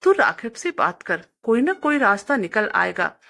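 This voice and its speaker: A woman's voice: on the high side, sing-song, unhurried, gravelly, a bit bright, a little hiss or hum, exaggerated voice. A woman voicing a stubborn, poor elderly village mother who scolds and pleads with her son. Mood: urging.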